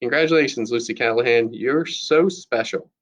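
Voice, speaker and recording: A man's voice: mid-range voice, moderate pace, close to an everyday voice. A man reading aloud, voicing a sarcastic, blunt boy classmate in a storybook, on a dull lo-fi recording.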